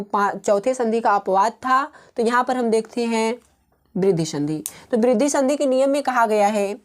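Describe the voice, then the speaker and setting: A woman with a slightly high voice teaches grammar at a patient, measured pace. She repeats each rule and pauses often as she walks through the examples. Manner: patient, slow and repetitive, pausing often. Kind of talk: explaining grammar rules step by step.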